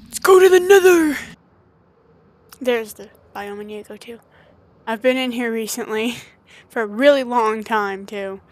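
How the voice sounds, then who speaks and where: A woman hosting casual gameplay commentary, chatty and excitable, talking to the creatures on screen. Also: fairly high pitch, moderate pace, low-quality recording. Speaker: gaming channel host.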